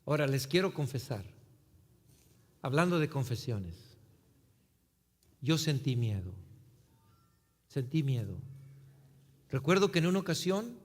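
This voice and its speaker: A man preaching as a pastor, telling a personal story in an animated way. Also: mid-range voice, unhurried, long pauses. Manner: animated storyteller, acting out voices in his tale. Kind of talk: sermon storytelling. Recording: long hall reverb.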